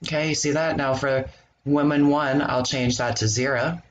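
Give me a man at a middle pitch walking through a software tutorial, relaxed and plain, with faint noise behind. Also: normal speed, highs cut off. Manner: relaxed step-by-step explaining with ums. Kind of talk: screen-recorded software walkthrough.

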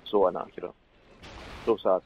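A man's voice: low voice, moderate pace, highs cut off, a little hiss or hum. A man chatting casually while playing a video game, joking and swearing a lot. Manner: joking, crude, excitable. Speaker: gamer. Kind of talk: casual gaming chat.

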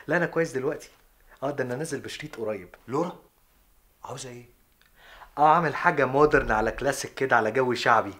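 A man's voice: medium pitch, natural voice. An actor playing a brash, comic young man who wants to be a singer, with an Egyptian accent. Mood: flattering. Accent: Egyptian Arabic. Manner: jokey, teasing, bursts into loud off-key singing. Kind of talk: television drama acting.

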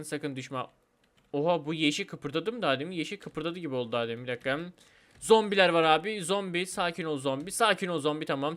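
High-voiced excitable male gamer. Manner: excitable, chatty, keeps addressing viewers; teasing, gleeful trolling of other players. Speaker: gaming video host. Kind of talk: let's play commentary.

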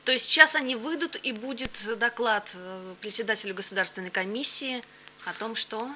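A woman's voice: a little high, moderate pace, bright, forceful tone. A woman hosting a live broadcast, commentating and asking questions in a conversational way. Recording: clear hum and background noise.

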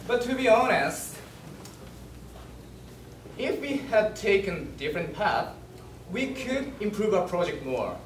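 Young Japanese-accented male student presenter, lively high voice, slow, echoey room from afar with noise. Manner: animated, laughing storyteller. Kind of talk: project presentation. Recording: echoey room, distant mic, noisy.

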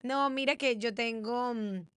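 Lively storytelling woman, high voice, dry sound. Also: a little slow, smooth, no echo. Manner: animated storyteller acting out quoted voices with laughs. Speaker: podcast co-host. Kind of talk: casual chat.

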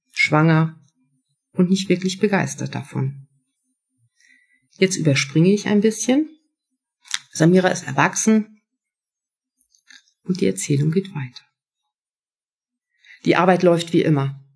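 A woman's voice: low-pitched, creaky, a little mellow, husky. A woman author reading first-person prose from her own novel at a live event.

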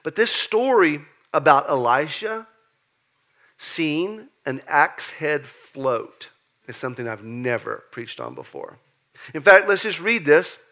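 A man preaching to his church in a loose, conversational style, animated and playful. His voice sits high for a man and has a bright, forward edge. He tells the story like a storyteller and jokes along the way. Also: slow. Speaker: pastor. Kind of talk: lively conversational sermon. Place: church sanctuary.

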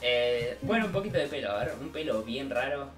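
Lively Argentine man playing around in a game. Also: mid-range voice, a little fast, far from the mic. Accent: Rioplatense Argentine. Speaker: gaming video co-host. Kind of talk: casual playful gameplay chat. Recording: roomy sound with faint music. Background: faint music.

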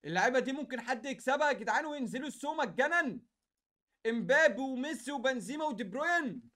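A young man with an Egyptian Arabic accent doing casual, slangy gaming commentary in an excitable, repetitive way. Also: extremely high pitch, fast. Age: young adult. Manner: excitable, slangy, chatty, repeats phrases. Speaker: gaming YouTuber.

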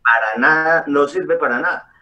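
A middle-aged man, a doctor, explaining calmly over a video call with frequent hesitations. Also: on the high side, moderate pace, dull audio, soft background music. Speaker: doctor guest. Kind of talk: explanatory interview answers. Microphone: webcam on a video call. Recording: distant video call audio.

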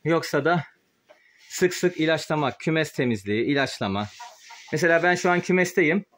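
Animated and fairly bright, a man with a voice on the high side talks at a normal speed through a face mask that muffles him slightly. He's the host of a poultry-keeping channel, working with a sprayer in a small wooden chicken coop and explaining informally for a casual vlog shot on a phone held in his hand.

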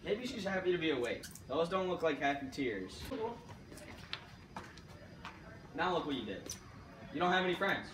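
A young adult man plays a self-absorbed high school student torn between bickering inner voices in an amateur comedy skit, speaking casually and deadpan but sounding flustered. He talks a little fast in a natural voice. A distant camera mic in an echoey school stairwell, hallway and gym picks up loud room noise.

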